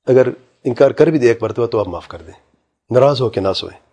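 A man's voice: mid-range voice, animated, warm tone, slightly rough. A man, an Islamic scholar, answering a question in an emphatic religious lecture, reciting Arabic verses and asking rhetorical questions.

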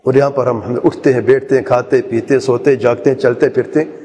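A man's voice: mid-range voice, steady tone, warm tone, in a large hall. A man preaching a sermon to a gathering, earnest and urging, often putting questions to his listeners.

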